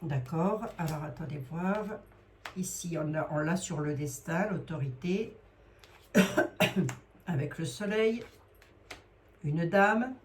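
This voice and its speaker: A middle-aged woman with a Lorraine accent reads cards aloud, wandering and hesitant, tacking on little fillers as she goes. Her voice sits rather low. A faint hiss of background noise runs under the recording. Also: slow, long pauses. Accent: Lorraine French. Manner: rambling, hesitant, full of fillers like hein. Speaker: psychic card reader. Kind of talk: live card reading.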